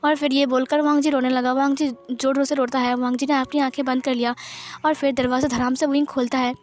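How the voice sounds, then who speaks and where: A woman's voice: high voice, level tone, brisk. A woman retelling a fan-fiction love story aloud, emotional and dramatic, with many restarts.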